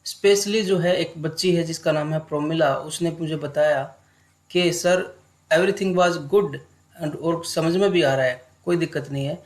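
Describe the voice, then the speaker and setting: A young man teaching an exam-prep lesson online in a relaxed, unhurried way, mixing English terms into his talk. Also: on the high side.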